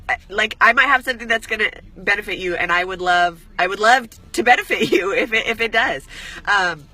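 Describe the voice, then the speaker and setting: Tearful woman talking, husky and bright. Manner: earnest, rambling, swears often, many "like" fillers; voice rises high when emotional. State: tearful, crying. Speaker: fitness coach. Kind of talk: emotional live stream talk to followers.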